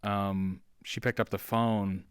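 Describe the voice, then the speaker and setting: A man's voice: lowish voice, flat delivery, slow, clear, resonant tone, no room sound, studio quality. A man giving casual, chatty commentary as the host of a reaction video.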